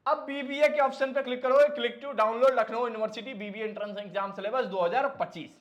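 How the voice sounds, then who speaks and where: A man's voice: very high-pitched, brisk, dull audio. A man giving a casual explainer lesson on admissions, chatty and repetitive, calling viewers kids and brothers. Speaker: admissions guidance teacher.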